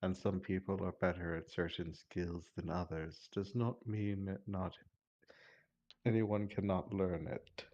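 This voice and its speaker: Guy doing a stiff know-it-all adventurer, super deep and slow. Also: fairly even intonation, a little mellow. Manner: measured, corrective, formal. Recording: slightly muffled stream audio.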